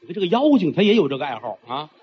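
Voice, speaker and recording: A male storyteller tells a traditional tale in a theatrical, chatty way. His voice is high and swoops widely, with a husky grain. It comes through a dull, lo-fi recording. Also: rapid-fire. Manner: animated, theatrical, chatty asides.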